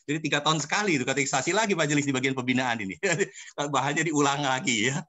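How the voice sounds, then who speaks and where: With a medium-pitched voice that sounds pushed and bright, this older Indonesian pastor moves at a quick pace. He teaches a church study group, shares stories from his own life, and speaks directly to listeners, calling them "Saudara."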